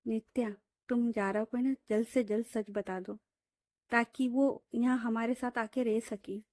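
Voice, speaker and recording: A woman's voice: fairly high pitch, steady tone, a little slow, a little mellow, no room sound, studio quality, lightly acted. A woman voicing a shy young woman in love who scolds her partner in a coy way.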